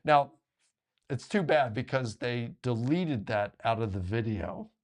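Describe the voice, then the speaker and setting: A man talking as a guest author in a casual discussion, telling stories in an animated way with quick asides. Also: mid-range voice.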